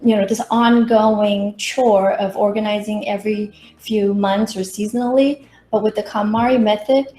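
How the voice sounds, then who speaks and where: A middle-aged Taiwanese woman, a professional consultant, delivers a prepared workshop presentation woven with personal stories. Her medium-pitched voice is steady and dark, at normal speed with few pauses. The room adds an echo, and faint background noise is audible.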